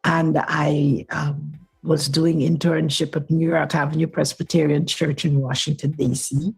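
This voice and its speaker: A woman's voice: sits low, level tone, a little slow, gravelly, darkish tone, slightly rough, no echo, low-quality recording. A woman in her sixties from Guyana, telling her story as an interview guest and minister, earnest and explanatory. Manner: earnest, explanatory, checks in with the listener.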